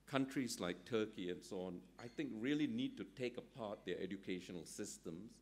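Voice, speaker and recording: Lower-voiced man with many fillers. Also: lively intonation, moderate pace, darkish tone. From Singapore. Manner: hesitant, thinks aloud, many fillers, often ends with "right?". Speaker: conference panelist. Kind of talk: panel discussion at an economic summit.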